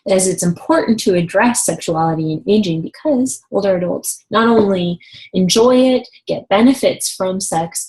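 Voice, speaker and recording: A woman's voice: on the low side, darkish tone, rough recording. A woman in her thirties giving a recorded university lecture, explaining steadily and engagingly with the odd light laugh. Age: 30s.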